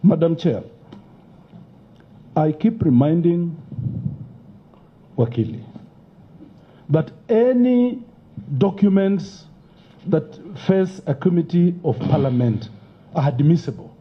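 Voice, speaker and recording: A man's voice: fairly high pitch, big pitch swings, slow pace, long pauses, slight background noise. A man, testifying before a parliamentary committee, emotional and insistent, talking over the questioner. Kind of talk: heated testimony at a hearing. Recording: muffled lo-fi broadcast audio.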